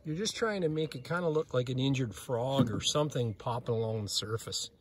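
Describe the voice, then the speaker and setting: A man's voice: mid-range voice, a little fast, husky. A young man filming from a small boat on a lake, commenting in an easygoing way on the fishing. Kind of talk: casual outdoor fishing chat. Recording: faint outdoor noise.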